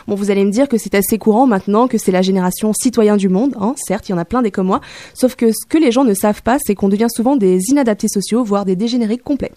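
A woman's voice: medium pitch, fast, dark tone, no room sound. A young woman with a French accent, reading a wry, self-mocking opinion column on the radio. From Canada. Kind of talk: scripted opinion piece.

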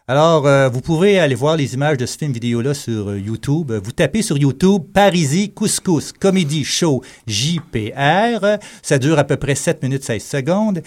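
A man's voice: medium pitch, a little mellow. A man with a Quebec French accent giving a casual, joking radio column, hesitant and full of fillers. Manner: jokey, chatty, hesitant with many fillers. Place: radio studio.

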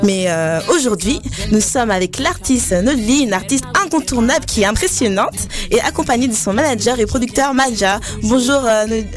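A woman's voice: fairly high pitch, expressive, moderate pace, few pauses. A woman hosting a radio interview in a studio, speaking with some hesitant fillers. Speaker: radio show host. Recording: radio broadcast with music underneath.

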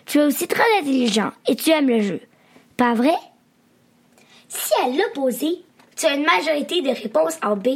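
A woman reading a bedtime story to children in a gentle, expressive way. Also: sits high, moderate pace, gravelly, pauses often.

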